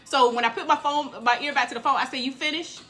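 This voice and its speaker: A woman's voice: high voice, fairly even intonation, fast, fairly bright tone. A woman in hotel work, casually telling a dramatic story with quoted dialogue. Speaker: hotel front desk worker.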